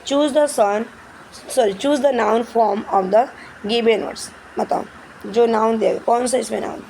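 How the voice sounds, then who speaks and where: A woman's voice: a little high, gravelly, mellow, slight background noise, low-quality recording. A woman teacher explaining English grammar questions in Hindi, stepping through each answer and often checking with "ठीक है". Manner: reads English questions slowly and carefully.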